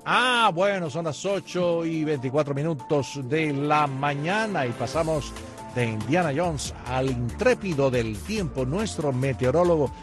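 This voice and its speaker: A man's voice: fairly high pitch, expressive, unhurried. A man hosting a morning radio show with casual, chatty banter. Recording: music under the voice. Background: background music.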